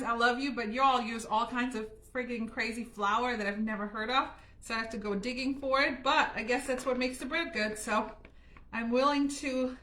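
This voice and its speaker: A woman's voice: on the high side, sharp tone. A woman from Germany chatting through a live home baking session in her kitchen, laughing often and talking straight to viewers. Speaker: home cooking livestream host. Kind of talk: casual live cooking chat.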